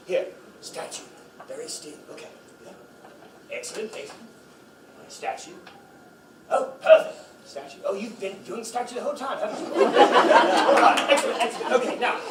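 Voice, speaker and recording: A man's voice: very high voice, background noise. A man acting in a children's play who leads audience volunteers with an upbeat, coaxing, playful manner. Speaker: actor leading audience volunteers. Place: library event room. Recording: echoey room from far off.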